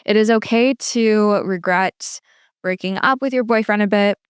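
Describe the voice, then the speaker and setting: A woman with an exceptionally smooth, clear voice gives casual advice on her podcast. She talks in a chatty, relaxed way, peppered with "like." The sound is dry and close. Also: mid-range voice, unhurried, dry recording. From lives in Toronto. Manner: chatty, filler-heavy with frequent "like". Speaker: podcast host answering listener questions.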